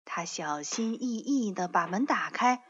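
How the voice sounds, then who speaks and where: A woman reads a children's story aloud slowly, her voice bright and lilting with wide, animated pitch. Gentle and expressive, heard on a dull lo-fi recording. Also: husky.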